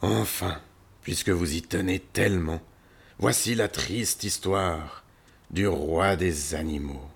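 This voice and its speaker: A sulky, growling lion in a children's story, lonely and quick to anger, as a man puts him on. His voice is deep and gravelly, with a husky edge. He speaks slowly. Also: full character voice. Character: grumpy lonely male lion, king of animals.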